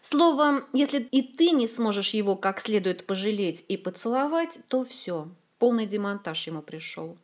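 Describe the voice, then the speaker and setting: A woman's voice: medium pitch, expressive, normal speed, hardly any pauses, close to an everyday voice. A woman voicing a hesitant, hopeful young man. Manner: unsure and hesitant.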